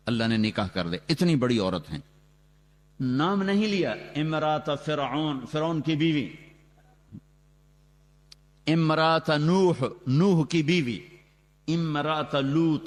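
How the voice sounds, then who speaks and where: A man preaching a sermon and telling the story dramatically, his voice rising loudly, with Quranic Arabic chanted slowly. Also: medium pitch. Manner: dramatic storytelling with sudden loud rises and quick asides. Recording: long reverb from a large hall, on a loudspeaker.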